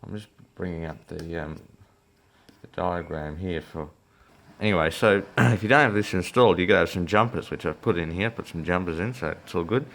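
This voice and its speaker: Filmed by a phone over the workbench, this hobbyist presenter talks through an electronics repair off the cuff, rambling and hesitant as he thinks aloud. His voice is low and a bit bright, and he speaks fairly quickly.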